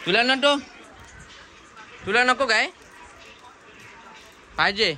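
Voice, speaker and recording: A man's voice: very high-pitched, takes it slowly, bright, forceful tone. A young man hosting a casual family vlog, chatty and playfully teasing the kids around him. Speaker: vlogger. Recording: noisy phone vlog audio.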